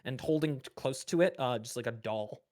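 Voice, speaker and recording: A game master narrating a tabletop game casually, improvising and searching for words in a halting way. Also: medium pitch, a little mellow.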